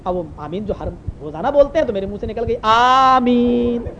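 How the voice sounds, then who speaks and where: A man from Uttar Pradesh, India, preaching a sermon through lively anecdotal storytelling. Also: high voice. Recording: muffled lo-fi recording with faint hiss.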